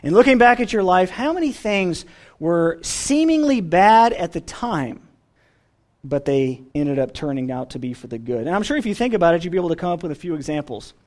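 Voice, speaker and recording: A preacher giving a sermon in an expressive way, often letting phrases fall away softly at the end. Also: mid-range voice, a little fast.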